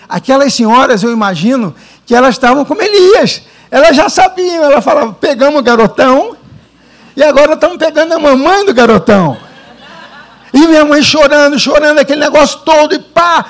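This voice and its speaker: A man from Brazil preaches with a strikingly high voice carrying a gravelly, fried edge. He tells his own story in an animated way, slowing down for dramatic pauses. His delivery moves between scripture reading and lively storytelling. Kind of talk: sermon with personal testimony.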